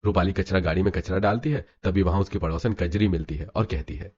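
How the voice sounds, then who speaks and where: A man narrating a scripted animated story in a brisk storytelling manner. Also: low-pitched. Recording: dull lo-fi with music.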